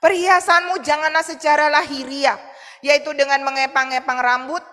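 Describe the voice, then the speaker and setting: A woman pastor preaching a sermon in an animated way, acting out the voices she quotes. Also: high-pitched, moderate pace, big-room sound. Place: church hall.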